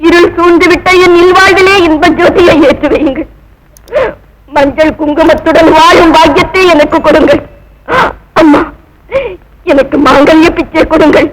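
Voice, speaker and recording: An actress playing a devoted young wife who pleads impassioned and tearful, in 1950s film melodrama style. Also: female voice, very high voice, background noise. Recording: old film soundtrack with loud music.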